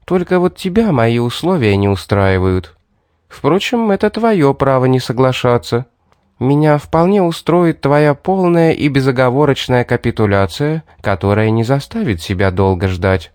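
A man's voice: mid-range voice, animated, normal speed, darkish tone, dry recording, clean studio sound, close to an everyday voice. A man voicing a sly, predatory young woman who is part beast, purring and mocking in a storybook reading. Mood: haughty.

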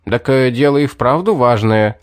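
A man's voice: medium pitch, moderate pace, dry recording, clean studio sound, lightly acted. A man voicing a simple town guard in a fantasy audiobook, plain-spoken and a little hesitant. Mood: deferential.

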